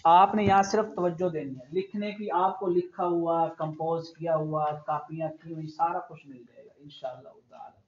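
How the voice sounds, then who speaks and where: A man's voice: a little high, steady tone. Man drilling pronunciation in a roomy class. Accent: Pakistani Urdu. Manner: drills sounds slowly, repeating them for the class. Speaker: religious teacher. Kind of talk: tajweed pronunciation lesson. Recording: roomy, dull lo-fi, loud hiss.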